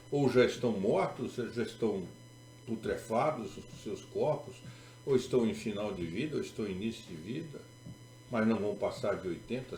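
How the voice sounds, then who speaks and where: Gravelly Brazilian pastor preaching emphatically. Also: male voice, medium pitch, mellow, a little hiss or hum. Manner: emphatic, repetitive, sarcastic. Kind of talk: sermon. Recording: echoey room with faint music.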